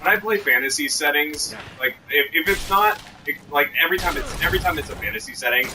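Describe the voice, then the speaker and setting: A man's voice: on the high side, fast. A man co-hosting a gaming stream, chatting casually in rambling, restarting sentences and swearing freely. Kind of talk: casual chat while playing a video game. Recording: distant mic with clear background noise.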